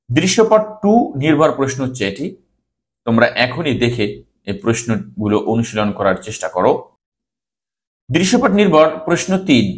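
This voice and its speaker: In this exam-preparation class, a Bangladeshi-accented man with a medium-pitched voice reads out questions, directs his students, and repeats important phrases to stress them.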